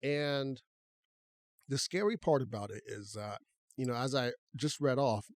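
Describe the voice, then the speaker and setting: A man co-hosts a podcast with an easygoing conversational manner, often restarting his sentences as he thinks aloud. His voice sits at an ordinary middle pitch. It is recorded close and dry, with no room sound. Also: measured pace, dry recording. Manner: relaxed, conversational, talks through restarts. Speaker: podcast co-host. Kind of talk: casual podcast chat.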